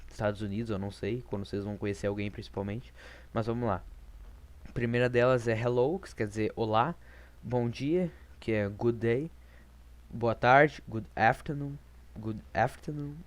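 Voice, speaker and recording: A man gives a relaxed online lesson, his voice sitting in an ordinary middle pitch. He talks informally and a little self-deprecatingly, often restarting his sentences. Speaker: English teacher on video.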